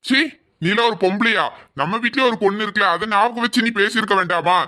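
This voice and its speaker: A man's voice: high-pitched, fast talker, bright, forceful tone, voice pushed up. A man playing a stern middle-aged father who firmly rebukes his wife in a family drama skit. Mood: scolding. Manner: firm, reproachful.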